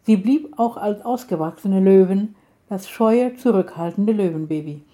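A woman reading a children's story aloud in a calm, measured storytelling manner. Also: mid-range voice.

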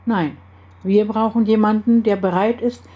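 A woman reading aloud and voicing the calm, serious male leader of a secret group. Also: mid-range voice, moderate pace, muffled recording, pitched above the performer's own voice, lightly acted. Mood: grave.

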